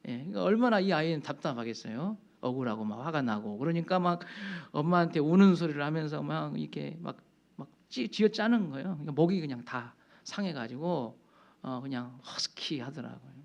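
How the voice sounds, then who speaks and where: A fairly high-voiced male pastor tells a story from the pulpit in a chatty, conversational way, often breaking in with short affirming interjections. The recording sounds dull and lo-fi. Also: expressive, a little fast, gravelly. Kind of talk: sermon storytelling.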